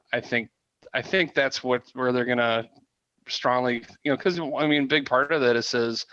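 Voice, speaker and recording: A man's voice: mid-range voice, a bit bright, clear, resonant tone, no echo, muffled recording. A man as a guest analyst on a podcast, giving opinions on hockey prospects with hesitant restarts. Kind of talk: casual sports talk.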